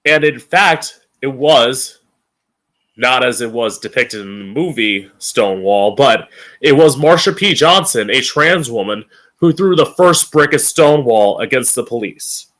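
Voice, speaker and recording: Slow-paced campy drag queen man, emphatic. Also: medium pitch, expressive, fairly bright tone. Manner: emphatic, opinionated, frequently swearing. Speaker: podcast host. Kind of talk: informal opinion monologue.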